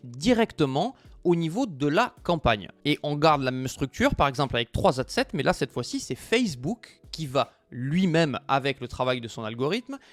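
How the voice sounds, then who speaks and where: A man's voice: a little high, sing-song, moderate pace, no room sound. A man explaining an online advertising tutorial, often checking in with "ok?" as he teaches. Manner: didactic, checks in with "ok?" and "d'accord?" often. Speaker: dropshipping trainer. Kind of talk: screen-share tutorial explanation.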